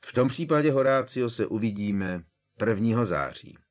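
A man voicing a calm, kindly old male headmaster wizard with a gentle, dry humor. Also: mid-range voice, voice pushed up, close to an everyday voice.

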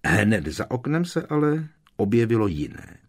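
A man's voice: on the low side, very animated. A man reading aloud and voicing an earnest teenage boy wizard in a raised, eager tone.

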